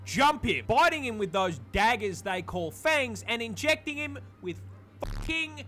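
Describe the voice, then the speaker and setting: A woman narrator with a bright, lively voice that moves widely in pitch. She delivers comedic scripted narration in a sweary, exasperated way over faint music. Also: a little slow. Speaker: video narrator.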